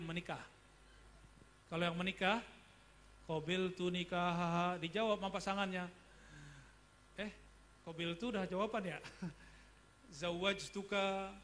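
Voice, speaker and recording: A man's voice: high voice, a bit bright, a little hiss or hum. A man giving a religious study lecture, talking casually and often asking his listeners questions. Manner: conversational, asks the audience questions. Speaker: preacher. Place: study gathering.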